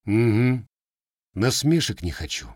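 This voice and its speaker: A man's voice: fairly low pitch, very animated, takes it slowly, dry recording, pitched above the performer's own voice, full character voice. A man voicing a guarded, scarred young Cossack with plain, blunt village speech.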